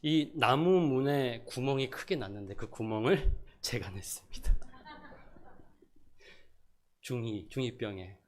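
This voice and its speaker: A middle-aged man preaching a sermon as pastor, moving between loud emphasis and soft asides, and acting out pleading prayers. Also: mid-range voice, slow pace, pauses often. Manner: acts out prayers and quotes in a pleading voice.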